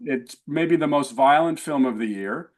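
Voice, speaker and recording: A middle-aged man with a mid-range voice hosts a relaxed talk about new films. He speaks with steady enthusiasm and praises the movies and actors he liked. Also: medium pitch, moderate pace. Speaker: host. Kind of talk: casual film review chat.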